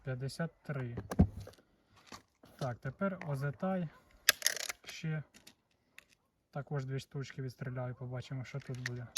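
A man's voice: medium pitch, fairly even intonation, a little slow, long pauses. A man with a Ukrainian accent in a casual hands-on vlog, matter-of-factly testing an air pistol and reading out numbers. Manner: matter-of-fact, reads out chronograph numbers. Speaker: airgun vlogger. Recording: distant mic with noisy background.

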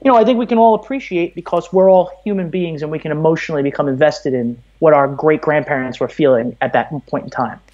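Talking quickly with few pauses, a Brooklyn audio producer in his thirties explains things at length as a guest in a casual podcast interview. His voice is a little high and a little mellow, and the audio is slightly muffled and dull.

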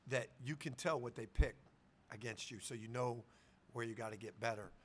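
At a table mic before a sponsor backdrop, a middle-aged male head coach answers post-game questions in a conversational way. He talks at normal speed in a mid-range voice, often restarting his sentences and repeating the opening words. There's a little background noise.

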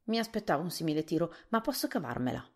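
A woman reading a storybook softly, voicing a nervous, apologetic male soldier. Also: lowish voice, big pitch swings, fast talker. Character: timid male soldier with big whiskers.

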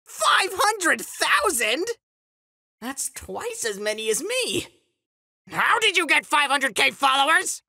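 A man voicing an excitable, melodramatic male superhero radio DJ in a comic dub, theatrical and exclamatory. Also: very high-pitched, slow pace, vocal fry, no room sound, studio quality, heavily acted. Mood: loud disbelief. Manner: theatrical, exclamatory, whiny when upset. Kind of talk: animated comic dub voice acting.

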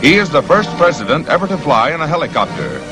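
Man, old newsreel narrator, animated pitch, emphatic announcer, loud music bed. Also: fast, low-quality recording. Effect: old newsreel sound.

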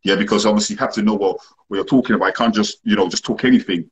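Talking very fast in a lowish, fairly even voice, a young Portuguese-speaking guest rapper joins a live stream by video call from a room, his phone at arm's length. There's a slight hiss or hum, and "obviously" and "you know what I mean" come up often in his casual chat.

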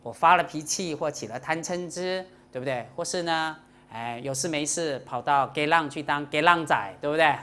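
A woman, a Buddhist nun, giving a dharma lecture to an audience in a lively, teasing way, dropping in English words now and then. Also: sits low, normal speed, slight background noise.

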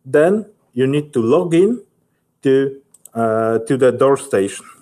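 In this webinar, a Polish-accented man in his thirties works through a software tutorial as a technical specialist, methodical and somewhat halting. His medium-pitched voice is animated.

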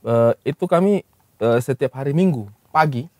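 A man's voice: mid-range voice, lively intonation, moderate pace, a little mellow, dry recording. A man from Baubau chatting with friends, teasing them and jumping in with corrections and jokes. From Baubau, Southeast Sulawesi. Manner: teasing, jumps in to correct and joke. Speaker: podcast co-host. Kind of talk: casual chat among friends.

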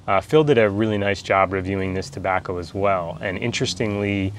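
An American man in his forties chatting casually outdoors in an easygoing, halting way, like a reviewer talking to camera. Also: low-pitched. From United States. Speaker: pipe tobacco reviewer. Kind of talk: casual video chat. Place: outdoors in a backyard garden. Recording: outdoor ambient background noise.

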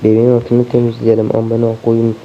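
A man's voice: medium pitch, completely flat delivery, fairly quick. A young man commentating a game as he plays, swearing constantly and sounding exasperated. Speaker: gameplay streamer. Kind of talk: let's play commentary. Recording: dull lo-fi sound.

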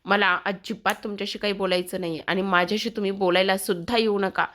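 A woman's voice: medium pitch, fairly even intonation, brisk, fairly bright tone, natural voice. A woman voicing a hurt, angry young husband in a TV serial recap, with reproachful, pressing questions.

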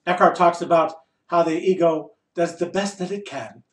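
High-pitched man giving an echoey spiritual talk. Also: normal speed. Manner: wry and playful, asks and answers rhetorical questions. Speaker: spiritual teacher leading a group satsang. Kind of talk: informal spiritual discourse to a group. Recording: echoey room, voice distant from mic.

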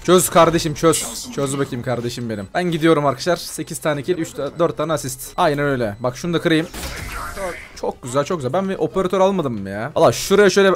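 Guy streaming a shooter game, talks super fast, kinda high voice, hypes and rants at the enemy team. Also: soft background music. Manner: excitable, rants and banters at opponents; slangy, talks straight to viewers. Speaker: gaming YouTuber. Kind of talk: live gameplay commentary.

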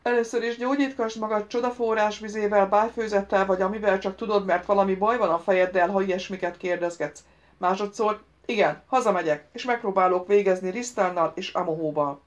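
A woman's voice: medium pitch, fairly even intonation, highs cut off, lightly acted. A woman voicing a proud young prince who answers back defiantly and sarcastically.

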